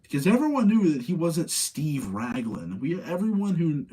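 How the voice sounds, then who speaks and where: Heard through poor audio, the movie-reviewing livestream host has a mid-range voice that's warm and husky. He rambles casually through opinionated commentary, repeating his points to emphasize them.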